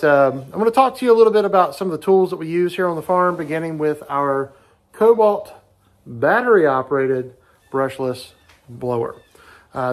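A man in his forties giving a relaxed, plainspoken tool review to the camera inside a wooden horse barn, with lots of fillers. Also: fairly high pitch. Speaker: farm owner reviewing a tool. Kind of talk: casual talk to camera.

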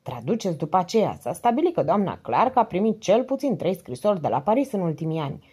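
A woman's voice: lowish voice, sing-song, mellow, breathy edge. A woman reading the lines of a stern middle-aged male police commissioner in an audiobook, curt and businesslike on the phone. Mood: brisk.

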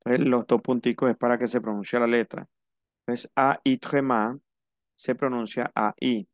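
A man teaching a French lesson, slow and careful, repeating each word for his students. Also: medium pitch, flat delivery, no echo. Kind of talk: language lesson.

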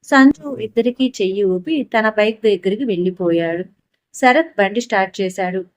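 A woman reads a story aloud with steady, even storytelling. Her pitch sits in the middle. The recording is dry and close-miked. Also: normal speed, no echo. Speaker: audiobook narrator. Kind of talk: scripted story narration.

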